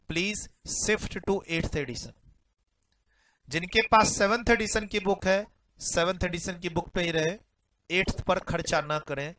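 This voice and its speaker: A man's voice: fairly high pitch, fairly bright tone, a little hiss or hum, poor audio. A male tax teacher, explaining exam updates directly to students, repeating his points and mixing in English phrases.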